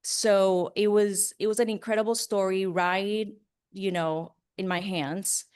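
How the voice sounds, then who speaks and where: This woman, a broadcast journalist being interviewed, tells personal stories in an earnest, conversational manner, leaning on key words. Her medium-pitched voice is steady, unhurried, darkish, clear and resonant.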